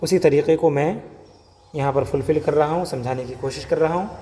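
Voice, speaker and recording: A man's voice: on the high side, fairly even intonation, mellow, slight background noise. Patient man teaching in a reverberant room. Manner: slow, patient, repeats each sound aloud. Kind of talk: step-by-step writing lesson.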